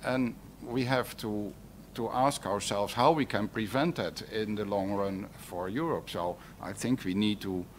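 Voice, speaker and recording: In a live conference recording with faint noise, a man with a lowish voice gives remarks as a panel speaker at a round table. He talks a little slowly, hesitating as he searches for words.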